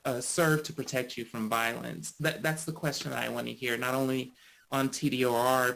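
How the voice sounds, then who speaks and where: A man's voice: medium pitch, vocal fry, a bit bright, low-quality recording. A man speaking as a panelist in a discussion, earnest and impassioned, often restarting phrases.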